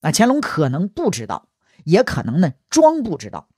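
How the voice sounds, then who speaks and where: A man's voice: high voice, huge pitch swings, moderate pace, a little mellow, breathy edge, no echo, clean studio sound. A man telling history stories in a chatty, colloquial way, with asides to the listener. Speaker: history storyteller. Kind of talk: colloquial storytelling.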